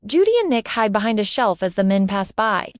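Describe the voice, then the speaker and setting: A woman's voice: medium pitch, sing-song, fairly quick, no room sound, clean studio sound. A woman narrating a storybook and reading every part and cue aloud.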